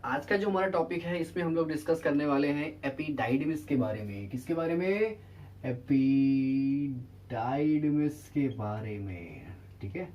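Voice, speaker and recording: A male teacher gives a relaxed biology lecture from a little way off the microphone, so his voice sounds distant. He poses questions to the class and answers them himself, checking in again and again. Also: a little high. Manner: quizzes students with rhetorical questions, then answers them himself; keeps repeating a check-in tag to students. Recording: voice distant from the mic.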